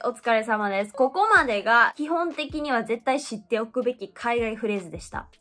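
Woman English teacher, fairly high voice, clear repetition drills, soft music underneath. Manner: repeats each English phrase clearly for practice, then speaks fast and chatty in Japanese. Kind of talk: phrase repetition drill and lesson.

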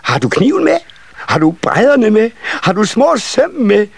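A man reading a children's story and voicing a bunch of excited little elf children in a shrill, eager voice. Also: gravelly, dry recording, heavily acted. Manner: shrill, eager, tumbling over each other.

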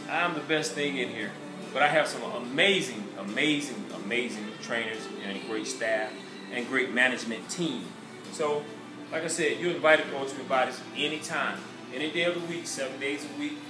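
A middle-aged man with a Southern US accent talks at normal speed in a medium-pitched voice as he gives a casual, boastful tour of his gym, pitching it like an upbeat salesman. Recorded by a handheld camera following him, the audio is distant and echoey, with music playing in the indoor gym.

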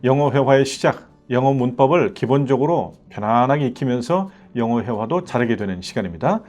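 Lively male English teacher lecturing. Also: medium pitch. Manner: animated, asks the class rhetorical questions; says English example sentences slowly for students to repeat.

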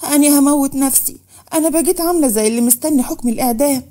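A woman's voice: high-pitched, quick pace, dark tone, voice pushed up, close to an everyday voice. A woman voicing a distraught pregnant young woman who pleads through tears, with an Egyptian accent. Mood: desperate. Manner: tearful, pleading.

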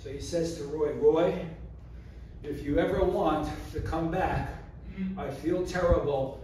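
A man giving an animated storytelling speech, acting out the scenes as he talks in a community hall. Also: fairly high pitch, takes it slowly, a little hiss or hum. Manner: animated, acts out scenes with gestures. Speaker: public speaker. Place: community hall, indoors, large room. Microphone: far camera, no mic. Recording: echoey hall from far off.

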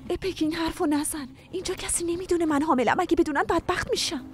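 A woman's voice: extremely high pitch, a little hiss or hum. A woman voicing an anxious young pregnant woman who talks urgently and secretively in a dubbed drama. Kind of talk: Persian drama dubbing.

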